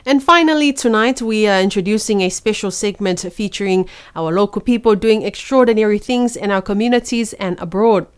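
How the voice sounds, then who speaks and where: A woman presenting the news, reading a script with clear, measured delivery. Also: mid-range voice.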